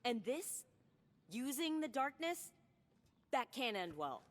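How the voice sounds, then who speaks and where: Casting: wounded, defensive young sister, animated and a bit high, in a reverberant space. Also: female voice, takes it slowly. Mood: hurt. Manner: emotional, defensive. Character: young woman, hurt and distrustful sister. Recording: game cutscene with long reverb.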